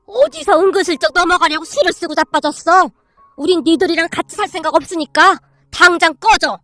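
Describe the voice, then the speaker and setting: A woman's voice: extremely high pitch, expressive, a little fast, a bit bright, no room sound, soft background music. A woman voicing a meek middle-aged mother-in-law, eager and trying hard to sound tough.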